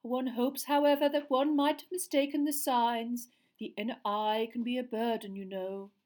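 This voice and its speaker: A woman voicing a dreamy, mystical older female divination teacher, murmuring slowly and theatrically. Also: a little high, fairly even intonation, darkish tone, voice pushed up, lightly acted. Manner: slow, breathy, theatrical murmuring.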